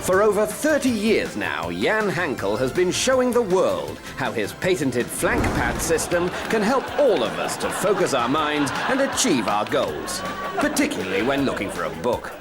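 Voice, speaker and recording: An actor playing an earnest, over-enthusiastic announcer with an emphatic sales delivery in a parody advert. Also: male voice, mid-range voice, huge pitch swings, moderate pace, over loud music. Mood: salesy.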